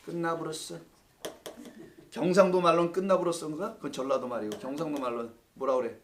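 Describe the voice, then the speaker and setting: A man's voice: on the high side, steady tone, very fast, a little hiss or hum. A male pastor leading a Bible study sermon in a church, teaching in a conversational way, joking with the congregation and asking questions that he answers himself.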